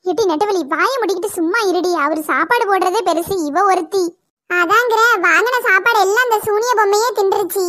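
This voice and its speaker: Bright high-voiced Kanyakumari woman. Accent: Kanyakumari Tamil. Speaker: cartoon creator. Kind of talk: cartoon voice acting.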